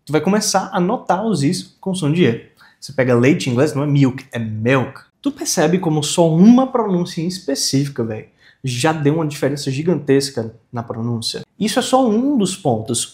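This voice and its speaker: A young Brazilian man runs a casual video lesson with a fairly high voice. He is informal and energetic, and has learners repeat words after him again and again. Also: fairly quick. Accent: Brazilian Portuguese. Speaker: English teacher.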